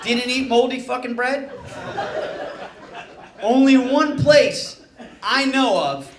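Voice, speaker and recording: A middle-aged stand-up comedian with a very high-pitched voice tells a story slowly, sounding profane and exasperated. The recording is echoey and the room is noisy.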